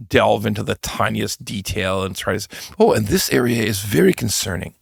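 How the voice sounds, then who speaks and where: A man's voice: fairly low pitch, creaky, a bit bright, dry recording, studio quality. A middle-aged man hosting a mortgage podcast, talking bluntly and emphatically with mocking asides. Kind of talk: casual commentary.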